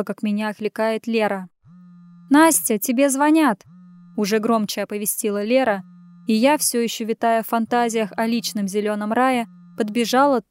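A woman reading a first-person story aloud as audiobook narration, in an even storytelling delivery. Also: mid-range voice, smooth, no echo, studio quality.

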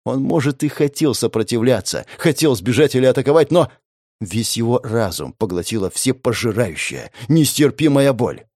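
A male narrator reads a first-person story with a gritty, sardonic edge, swearing freely and often sinking into low mutters. His voice sits in the middle range. The recording is dry and close, with no room sound. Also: expressive, moderate pace, a little mellow, no echo. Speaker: audiobook narrator.

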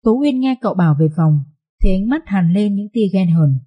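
A woman narrating a family drama story in a lively, colloquial storytelling manner. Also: mid-range voice, moderate pace, breathy edge, narrow, tinny audio.

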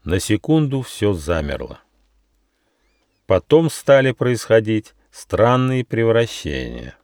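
A man reading his own fairy tale as an audiobook, with expressive storytelling. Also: lowish voice, no echo. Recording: dry studio audiobook.

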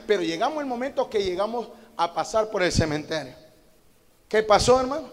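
A man from Honduras preaching from the pulpit, telling stories and swelling to shouted climaxes, calling the congregation "hermano" again and again. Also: high-pitched, lively intonation, fairly quick, long reverb tail. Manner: storytelling, repeats "hermano" and "amados hermanos" as refrains; builds to loud shouted climaxes. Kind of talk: sermon. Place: church, at the pulpit.

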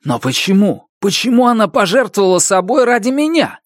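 A man voicing a hoarse, desperate young musician. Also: animated, normal speed, dry recording, clean studio sound. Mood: anguished. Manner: shouting, high and strained. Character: young male musician, guilt-ridden and desperate. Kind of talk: audiobook reading.

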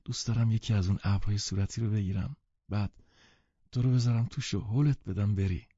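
A man's voice: fairly low pitch, steady tone, warm tone, slightly rough, dry recording. A man voicing a playful, charming young woman in an audiobook. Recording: dull lo-fi recording.

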